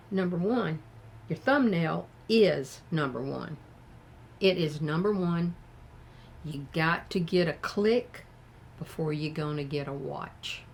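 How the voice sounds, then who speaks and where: Slow-talking older Southern woman, gravelly. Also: fairly low pitch, slight background noise. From American South. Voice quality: slow and thoughtful. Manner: frank, plain-spoken. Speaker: vlogger. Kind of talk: casual advice talk to camera.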